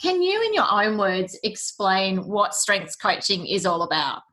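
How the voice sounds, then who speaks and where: A woman's voice: mid-range voice, big pitch swings, unhurried, pushed and bright. A woman hosting a careers podcast, introducing her guest and guiding the talk with friendly questions. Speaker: podcast host and career coach. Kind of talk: podcast interview.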